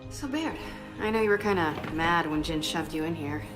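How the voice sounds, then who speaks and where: A blunt, teasing soldier. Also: female voice, low voice, animated, moderate pace. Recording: echoey room with game music.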